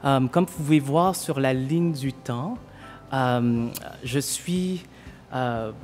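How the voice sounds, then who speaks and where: A man's voice: mid-range voice, slow, a little mellow, faint music behind. A man from Vietnam, a pediatric hematologist and researcher, giving a prepared thank-you speech with many fillers and restarts.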